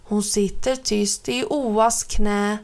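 A woman gently reading a children's book aloud. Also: medium pitch, fairly even intonation. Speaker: narrator.

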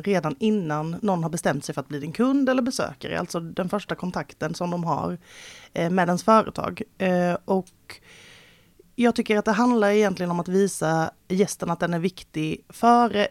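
A woman's voice: fairly low pitch, no echo. A woman who works in tourism, giving engaged interview answers with frequent fillers. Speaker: tourism organization guest.

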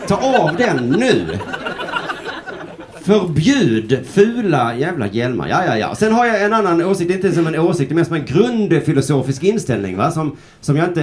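A man's voice: a little high, very animated, darkish tone. A man in his forties doing a stand-up comedy set on stage, rambling loosely, swearing and slipping into mock voices. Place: comedy stage before a laughing audience. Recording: live crowd laughter behind.

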